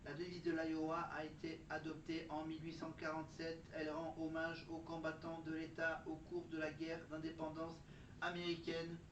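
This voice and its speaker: A mechanical chatbot robot voice, put on by a man, reading facts in a dead-level tone with almost no rise or fall. His pitch sits a bit high for a man. The sound comes from a distance in an echoey space, dull and lo-fi with clear noise behind it. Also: monotone, normal speed, close to an everyday voice. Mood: monotone. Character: flat monotone chatbot robot voice. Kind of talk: factual segment delivered as a robot.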